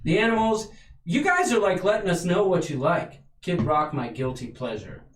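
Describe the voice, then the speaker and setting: A man's voice: high-pitched, animated, moderate pace. A man co-hosting a goofy livestream chat, playfully breaking into song and stammering while he searches for words. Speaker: co-host. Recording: roomy livestream audio from a distance.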